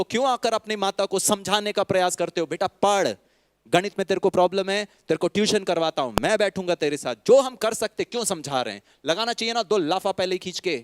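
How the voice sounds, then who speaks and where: Clear-voiced Indian man giving a spiritual talk. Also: high voice, no room sound, studio quality. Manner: mixes Hindi and English, mocking rhetorical questions, acts out quoted people. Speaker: spiritual speaker.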